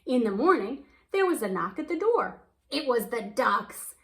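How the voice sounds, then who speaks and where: A woman gives a very animated reading of a picture book, her voice on the high side and fairly bright at a normal speed. She tells the story with expression, lengthening words to emphasize them.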